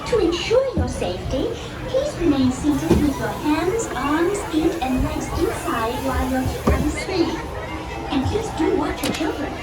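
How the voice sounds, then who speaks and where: A theatrical, whimsical tea party hostess makes polite scripted ride announcements. Her voice is extremely high and animated, heard from far off with loud music playing. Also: a little slow. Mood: whimsical, welcoming. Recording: echoey park speakers, loud music, crowd.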